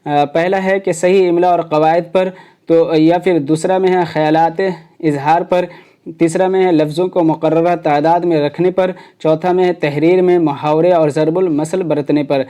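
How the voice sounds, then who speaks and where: A man's voice: fairly high pitch, fairly even intonation, mellow. A man teaching exam preparation, explaining step by step with frequent hesitations. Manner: explains step by step with many fillers. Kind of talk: exam prep lecture.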